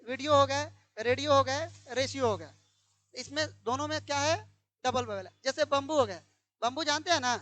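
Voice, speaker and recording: A woman with a high voice teaches grammar to a room of pupils. She fires questions at them and repeats each one until they answer. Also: fairly bright tone. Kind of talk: classroom grammar lesson. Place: classroom.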